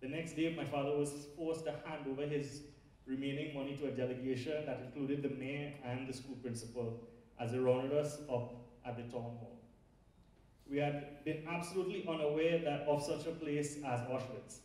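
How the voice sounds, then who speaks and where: A preacher from Trinidad, speaking with a Trinidadian accent in a warm, steady, medium-pitched voice at a moderate pace, gives a conversational sermon full of fillers and asides. He addresses a big audience in a large lecture hall, and the very echoey recording makes him sound far off.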